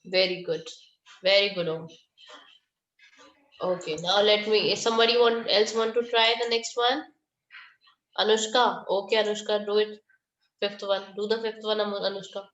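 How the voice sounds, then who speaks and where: A woman's voice: medium pitch, little pitch movement, normal speed, long pauses, a bit bright. A woman with an Indian accent instructing children as a maths teacher in a live online class, switching between English and Hindi. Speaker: primary school maths teacher. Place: indoor room, online video class. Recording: muffled, echoey online class call.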